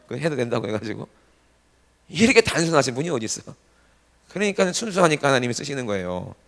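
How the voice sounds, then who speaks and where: A man preaching a revival sermon with a lively, swooping delivery that climbs high. His voice is gravelly, and it carries a long echo through a church sanctuary. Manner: animated, shouting exclamations, rhetorical questions to congregation. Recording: reverberant church hall.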